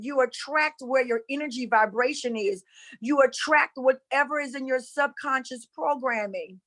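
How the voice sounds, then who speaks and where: Her voice is high-pitched, pushed and bright as she teaches about spirituality. She's a Southern-accented woman from North Carolina, USA, whose earnest, casual delivery leans on repeated phrases for emphasis.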